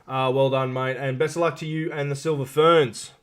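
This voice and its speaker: A man's voice: mid-range voice, fairly even intonation, moderate pace. A man hosting a casual live interview show, matey and informal, feeling his way through questions.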